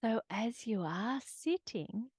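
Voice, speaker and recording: A woman instructor leading a calm, casual grounding exercise in a movement workshop, gently encouraging in short phrases. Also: a little high, slow pace, breathy edge, dry recording, clean studio sound.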